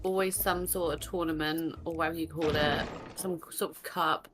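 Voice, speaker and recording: Woman, thirty, casual gaming chat, rambling, easily loses the thread, lowish voice. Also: fairly even intonation, moderate pace, a bit bright, a little hiss or hum. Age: 30s. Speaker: gaming stream co-host. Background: game music.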